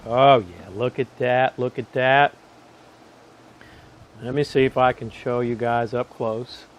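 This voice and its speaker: A man in a relaxed, chatty style, talking straight to his viewers from outdoors beside a grill. His voice sits in an ordinary middle pitch, and he speaks loosely and informally as he works and tastes. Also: slight background noise. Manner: relaxed, chatty, talks to viewers while tasting. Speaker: cooking channel host. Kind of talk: casual cooking vlog narration.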